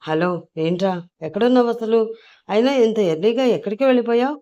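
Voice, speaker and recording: A pushy young man on the phone, put on by a woman narrator, firing off complaining questions. His pitch runs high and urgent. It is a storybook audio drama. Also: animated, quick pace, dark tone, highs cut off, close to an everyday voice. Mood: pressing.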